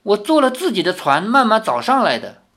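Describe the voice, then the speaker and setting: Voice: medium pitch, huge pitch swings, brisk, a bit bright, voice pushed up, full character voice. A reader voicing a naive young man who answers earnestly and stammers when embarrassed.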